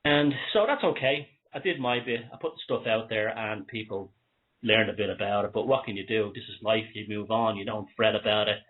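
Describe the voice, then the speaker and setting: A man's voice: lowish voice, a little fast. A man with an Irish accent giving an opinionated talk-show monologue in a conversational way, wheezy and short of breath from asthma. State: asthma flare-up. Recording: thin phone-like sound.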